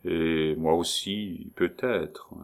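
A man reading as a grave doctor at a sickbed, deep-voiced and unhurried. He probes gently with low, soothing questions, read aloud from a storybook. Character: calm, grave male doctor, gently probing.

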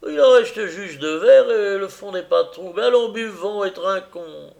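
A man voicing a drunk, overwrought middle-aged man who pleads and mocks in a high, loud, swooping voice. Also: measured pace, gravelly. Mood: pleading.

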